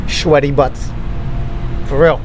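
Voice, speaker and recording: A man's voice: a little high, steady tone, takes it slowly. A man co-hosting a podcast outdoors, chatting casually with joking, crude banter. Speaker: podcast co-host. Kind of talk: casual chat. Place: outdoors in an urban spot with traffic. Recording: faint outdoor traffic noise.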